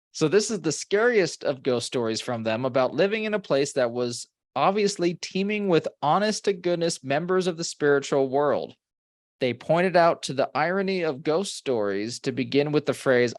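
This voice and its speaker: A man with a fairly high voice co-hosts a comedy podcast, reading ghost stories aloud and adding wry, bantering asides. The recording has no room sound.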